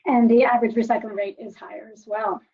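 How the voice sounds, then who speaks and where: A woman's voice: on the high side, fairly even intonation, fast talker, a little mellow, breathy edge. Woman talking through a warbly computer connection. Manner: hesitant, with frequent ums and restarts. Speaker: webinar presenter. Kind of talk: slide presentation with data. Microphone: computer microphone. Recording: dull, lo-fi computer audio.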